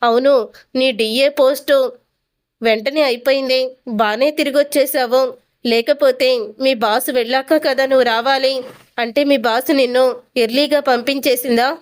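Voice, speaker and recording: A woman voicing a scheming, sharp-tongued old grandmother who needles her granddaughter. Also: sits high, steady tone, a little slow. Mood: taunting. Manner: mocking, needling.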